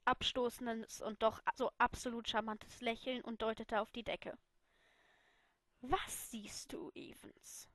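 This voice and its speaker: A woman's voice: fairly high pitch, no room sound. Woman reading a first-person story aloud. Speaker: reader.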